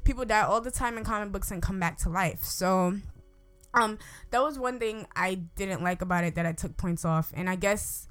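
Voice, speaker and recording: A woman giving a casual, unscripted review, her words slightly slurred by braces and rubber bands as she tells it in an animated, emphatic way. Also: mid-range voice, moderate pace, clear, resonant tone, faint music behind. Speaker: movie reviewer.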